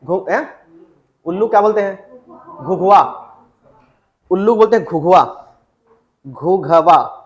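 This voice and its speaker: A man's voice: high voice, takes it slowly, pauses often. A male teacher giving a classroom lecture, dictating words, repeating them and asking the class questions. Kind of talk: classroom lecture on Chhattisgarhi vocabulary.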